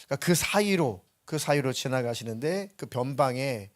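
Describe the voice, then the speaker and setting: A man's voice: medium pitch, expressive, normal speed. A male pastor preaching a Sunday sermon in a church, emphatic and full of rhetorical questions. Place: church sanctuary.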